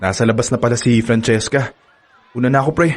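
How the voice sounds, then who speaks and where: A young adult man with a medium-pitched, fairly even voice talks fast in a near-everyday register. He is a radio drama actor playing a cocky, boastful college student who uses women, laughing smugly while he brags.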